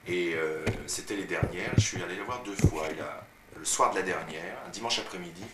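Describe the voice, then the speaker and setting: Speaking fairly quickly in a low voice, a young French actor from Paris casually recounts career stories at home, peppering them with "tu vois." A loud crowd is audible, and the distant camera mic makes the home video roomy and noisy.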